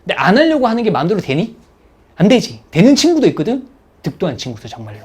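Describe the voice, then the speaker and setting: A man's voice: high voice, fast, husky. A man lecturing as an exam prep instructor, keeps checking in with his listeners. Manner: animated, checks in with listeners, acts out students' thoughts.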